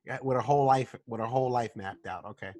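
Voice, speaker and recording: A man's voice: medium pitch, fast, background noise. A man in his twenties, casually chatting as a podcast host, slangy and given to repeating words as he tells a story. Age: 20s. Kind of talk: casual chat.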